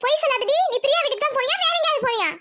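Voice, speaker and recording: A woman's voice: extremely high pitch, rapid-fire, very noisy. A woman voicing a suspicious, scolding village mother. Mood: worried. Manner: scolding, suspicious, rural Tamil speech. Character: anxious strict village mother, middle-aged woman. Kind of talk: cartoon voice acting.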